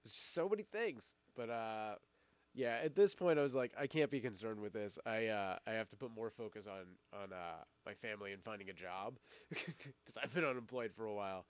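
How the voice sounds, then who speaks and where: Fairly low and resonant, a middle-aged man's clear voice comes through at normal speed with no room sound as he runs a relaxed live stream despite a cold. Reading out viewer comments, he rambles with frequent fillers and restarts and laughs a lot.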